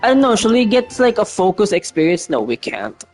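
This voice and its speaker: A male streamer gives casual, hesitant gameplay commentary, rambling and swearing freely while faint game music plays. His voice is high-pitched with big pitch swings, and he talks fairly quickly.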